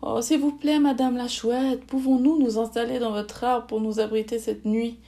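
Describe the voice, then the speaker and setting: An eager, well-meaning little storybook creature with a high, pleading voice, acted by a woman reading aloud. She is earnest and polite. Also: a little fast, mellow, close to an everyday voice. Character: young female animal, kind and eager.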